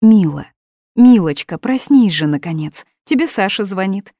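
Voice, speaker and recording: A woman's voice: mid-range voice, lively intonation, unhurried, dark tone, no room sound, studio quality, pitched above the performer's own voice. Woman doing an alarmed anxious mother. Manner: alarmed, insistent. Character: anxious protective middle-aged mother.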